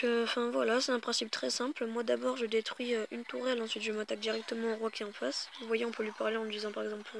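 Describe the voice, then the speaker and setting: A woman's voice: on the high side, vocal fry, a bit bright, a little hiss or hum. A woman casually commenting on a mobile game as she plays it, talking straight to her viewers in a chatty way with many fillers and restarts. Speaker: gaming YouTuber.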